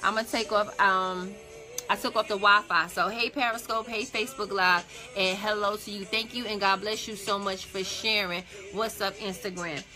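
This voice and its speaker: A woman hosting a motivational livestream, greeting viewers and giving an energetic, preacherly pep talk with lots of repetition. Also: medium pitch, normal speed, soft background music. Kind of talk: live-stream pep talk.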